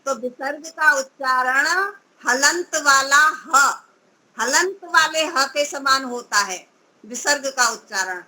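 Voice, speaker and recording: A woman's voice: high-pitched, takes it slowly, sharp tone, rough recording. A woman teaching Sanskrit pronunciation, drawing out syllables and patiently correcting her student. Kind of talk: pronunciation lesson.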